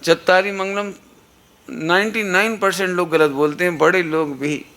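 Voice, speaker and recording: A middle-aged man delivers a sermon into an amplified microphone at a satsang gathering hall, earnestly teaching and asking the audience rhetorical questions. He speaks at normal speed in a fairly high, sharp-toned voice with some vocal fry.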